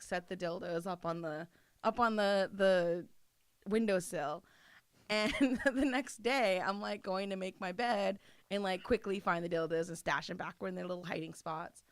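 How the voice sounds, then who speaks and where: A young woman telling a funny personal story in casual chat, animated and laughing, with lots of "like". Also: medium pitch, clean tone, no room sound. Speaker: guest.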